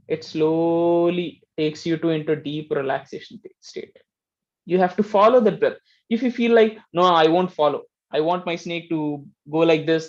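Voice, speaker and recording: A man teaching meditation in a gentle, explaining way, often checking in with "right?". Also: high-pitched, highs cut off. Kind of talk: casual spiritual teaching talk.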